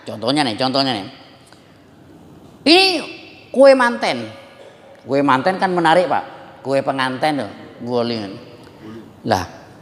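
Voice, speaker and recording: Lively high-voiced man preaching in a hall. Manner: animated storytelling preacher, addresses audience as Pak and Bu. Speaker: religious teacher. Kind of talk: Islamic study lecture.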